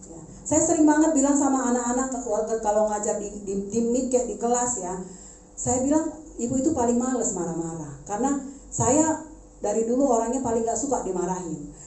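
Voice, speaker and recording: A woman preaching a sermon in a conversational, animated way, turning to the congregation with asides. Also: on the high side. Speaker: preacher, schoolteacher. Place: church service. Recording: echoey church hall.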